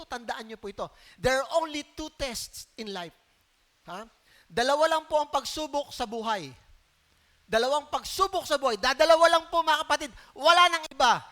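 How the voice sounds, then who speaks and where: A pastor delivers a lively sermon, often turning to the congregation with a question. His voice sits very high for a man and rings bright and forceful.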